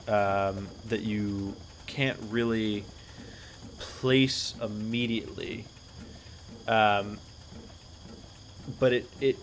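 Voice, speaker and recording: A man narrating a tabletop game as game master, describing scenes slowly and searching for the words. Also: lowish voice, a bit bright, a little hiss or hum.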